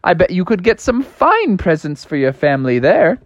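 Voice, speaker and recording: A woman voicing a courtly old male bunny rabbit gentleman in a bedtime story, speaking in a high, old-fashioned way. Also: sing-song, normal speed, no echo, dull audio. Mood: genial.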